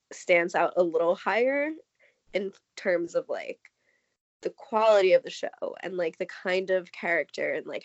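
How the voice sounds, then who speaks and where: Her voice on the low side, a woman co-hosting a podcast chats casually, nasal and scratchy with a cold and rambling with constant "like"s. The audio is dry, slightly dull lo-fi, with no echo.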